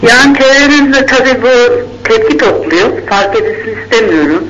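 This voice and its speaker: A woman's voice: on the high side, lively intonation, moderate pace. Polite woman caller on a hissy phone line. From Istanbul, Turkey. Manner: polite, hesitant, with fillers. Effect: over a landline phone. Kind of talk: call-in question to a radio advice show.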